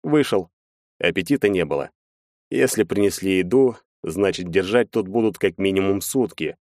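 A man narrating a fantasy audiobook in the first person, wry and measured. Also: low-pitched, darkish tone, no room sound, studio quality.

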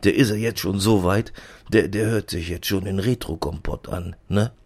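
A man plays a chatty lab assistant who grumbles on and on in a broad Rhineland accent, losing track of names as he goes. His low voice is gravelly and husky throughout. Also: moderate pace, a little mellow. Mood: grumbling. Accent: Rhineland German. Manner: rambling, fumbling for names, complaining. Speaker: podcast character. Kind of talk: comic character monologue.

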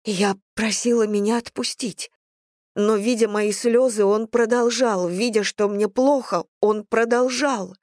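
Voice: mid-range voice, steady tone, measured pace, darkish tone, no echo, clean studio sound, pitched above the performer's own voice, close to an everyday voice. A narrator voicing a tearful, betrayed young daughter in an audiobook, with a shaky, broken, pleading voice. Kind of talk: audiobook character reading.

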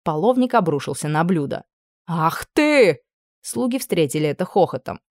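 A woman narrating a storybook with lively, expressive reading. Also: on the low side, brisk, dry recording, studio quality. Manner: lively, acts out dialogue. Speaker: audiobook narrator.

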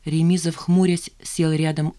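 A woman narrating a novel for an audiobook in a calm, measured way. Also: sits low. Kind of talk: scripted narration.

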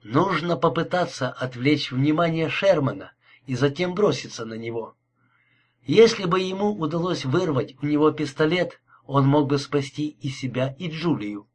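A man narrating an audiobook thriller in a steady, dramatic reading. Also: on the high side, moderate pace, slightly rough. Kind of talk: scripted narration.

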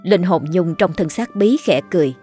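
A woman reading a ghost story aloud as a storyteller, in a steady, measured way. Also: lowish voice, soft background music. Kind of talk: scripted ghost story narration.

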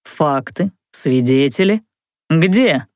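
A smug young male mage with a calm, teasing drawl, put on by a woman reading an audiobook. His voice sits lower than hers but still moves up and down a lot. The recording is dry and close. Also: slow, no room sound. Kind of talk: audiobook character voice.

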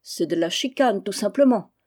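A woman reading aloud, voicing an exasperated, grumbling old male postmaster in a mellow voice. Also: medium pitch, lively intonation, moderate pace, natural voice.

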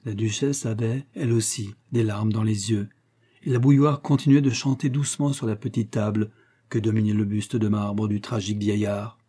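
A man narrates a classic literary tale in an audiobook reading. His pace is measured and calm. His voice is dark and mellow with a husky texture. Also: lowish voice. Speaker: audiobook reader.

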